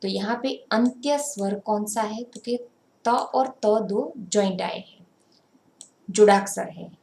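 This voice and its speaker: Slow-explaining woman teacher, roomy sound. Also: mid-range voice, creaky, a little mellow, a little hiss or hum. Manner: slow, explanatory, pointing things out. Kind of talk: grammar lesson. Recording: roomy echo.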